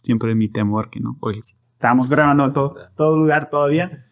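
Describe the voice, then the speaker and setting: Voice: medium pitch, moderate pace, lo-fi sound. A podcast host casually interviewing guests and prompting them with questions. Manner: prompting questions with brief acknowledgments.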